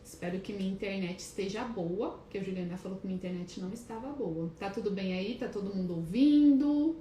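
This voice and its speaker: A woman's voice: mid-range voice, fast talker, dark tone. A woman hosting a casual live stream from her clinic, chatty and a little nervous, greeting viewers by name with many hesitant restarts. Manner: calls herself shy and nervous. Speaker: wellness live-stream host. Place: clinic office, indoors. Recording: echoey room, faint background noise.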